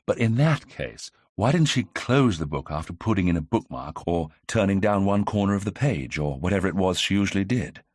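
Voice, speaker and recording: A man voicing a young 1920s gentleman amateur detective in an audiobook, brisk and self-assured as he theorizes. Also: sits low, expressive, dry recording, clean studio sound. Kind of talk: audiobook character reading.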